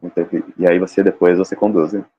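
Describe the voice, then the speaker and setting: A man's voice: sits low, flat delivery, quick pace, warm tone, breathy edge. A man on a live panel explaining sales techniques, acting out short seller and client exchanges as he goes. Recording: dull lo-fi stream audio.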